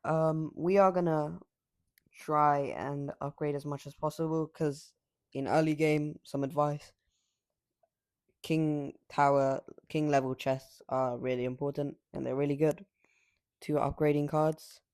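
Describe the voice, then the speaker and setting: A man giving casual, rambling commentary over his mobile gameplay, cocky and trash-talking, his voice slightly raspy from filming late at night. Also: on the high side, level tone, a little slow, darkish tone.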